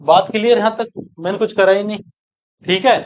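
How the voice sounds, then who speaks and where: A man teaching an exam-prep maths lesson, brisk and coaxing, who keeps checking that his students follow. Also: sits high, lo-fi sound.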